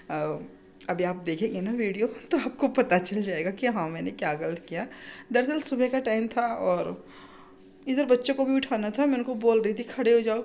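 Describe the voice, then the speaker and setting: A woman in her thirties from India talks through her morning in a casual home vlog, recorded in her kitchen. She sounds a little strained from a sore throat. She rambles warmly and pads her sentences with small fillers. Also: mid-range voice. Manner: chatty, frequent filler "ना". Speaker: vlogger and mother.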